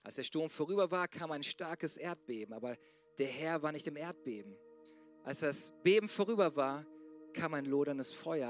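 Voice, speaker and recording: A man preaching a sermon to a church congregation, swinging from loud urging to soft, hushed passages. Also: mid-range voice. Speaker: pastor.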